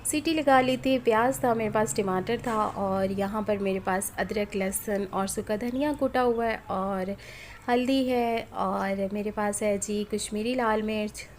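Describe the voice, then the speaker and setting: A Pakistani woman in her thirties, a cooking vlogger, records a voice-over at home with a sore, strained throat from flu. Her mid-range voice moves at a measured pace as she chats homely and direct to viewers. Faint street and household noise sits in the background.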